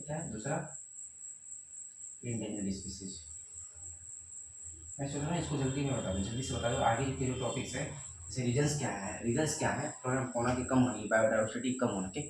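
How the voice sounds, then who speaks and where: A man's voice: medium pitch, far from the mic, a little hiss or hum. A young man teaching a class, with a Hindi accent, talking in a repetitive style and asking rhetorical questions. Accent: Indian, Hindi. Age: young adult. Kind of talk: classroom lecture. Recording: very echoey room, off-mic.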